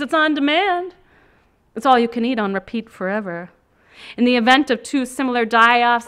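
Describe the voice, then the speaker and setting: A woman's voice: high-pitched, fairly bright tone, smooth. A woman poet reading her own poetry aloud in a rhythmic, incantatory way.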